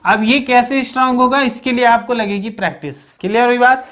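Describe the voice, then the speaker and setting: A patient classroom voice that walks through each rule step by step. The speaker stops again and again to ask whether the point is clear and to remind listeners to keep it in mind. Example sentences are spoken slowly and deliberately. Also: mid-range voice, fairly bright tone. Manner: checks understanding constantly with repeated "okay, keep in mind"; slows down to spell out example sentences. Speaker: teacher. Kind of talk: explaining a grammar lesson.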